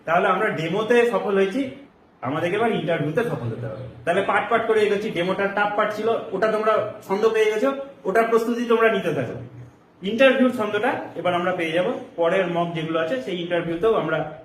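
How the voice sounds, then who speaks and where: A man's voice: sits high, animated, quick pace. A man with a Murshidabad Bengali accent coaching a class of teacher candidates, explaining with examples and checking that they follow. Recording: echoey room, mic far off.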